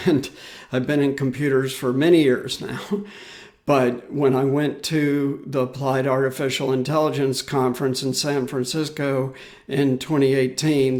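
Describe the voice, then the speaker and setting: A man's voice: mid-range voice, darkish tone. A man hosting his own podcast, talking loosely and unhurriedly with many fillers and restarts. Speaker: podcast host. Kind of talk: solo podcast commentary.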